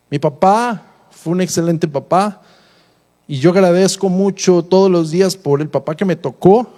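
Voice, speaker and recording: A man's voice: high-pitched, dark tone. A middle-aged man preaching a sermon as a pastor, conversational and humorous, with many rhetorical questions. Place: church hall. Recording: long church-hall reverb.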